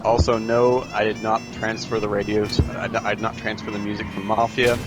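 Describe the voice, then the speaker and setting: A man's voice: lowish voice, flat delivery, fairly quick, over music. A man chatting casually in a laid-back, rambling way while he plays a video game with friends. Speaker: let's play gamer. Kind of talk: casual gameplay commentary.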